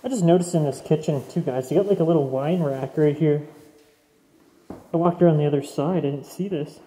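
A man's voice: on the high side, fairly quick, mellow. A young man exploring an abandoned mansion basement, chatting casually to his viewers as he walks through. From Canada. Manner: chatty, addresses viewers as guys. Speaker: urban explorer host. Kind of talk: casual walkthrough commentary. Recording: echoey empty rooms.

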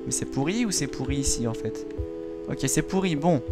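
A man's voice: mid-range voice, expressive, moderate pace. A young man hosting a casual game video, chatting to viewers with frequent giggles. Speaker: gaming video host. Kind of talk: casual let's-play commentary. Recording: game music playing behind.

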